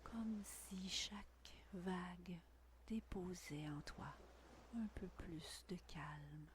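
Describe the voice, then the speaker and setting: Female meditation guide, breathy whisper, intimate and close to the ear, soothing, drawn-out slow pacing, light background ambience. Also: fairly low pitch, steady tone, slight background noise. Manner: slow, soothing, unhurried phrasing with long pauses. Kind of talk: guided meditation, scripted narration.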